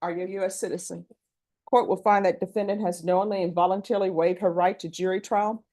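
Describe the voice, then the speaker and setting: Courtroom recording: a woman judge with a mellow, dark voice and a brisk, formal delivery. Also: on the low side, fairly even intonation. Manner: brisk, formal, reads set questions. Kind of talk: formal plea admonishments.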